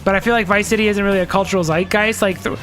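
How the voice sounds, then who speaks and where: A man's voice: high-pitched, steady tone, racing, a bit bright, soft background music. A man in his thirties, co-host of a casual podcast, arguing his point heatedly and swearing freely. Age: 30s.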